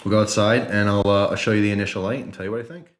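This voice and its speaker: A man's voice: fairly low pitch, steady tone, racing, echoey room, background noise. A man chatting casually and informally to viewers, explaining step by step as he demonstrates a product in a review video.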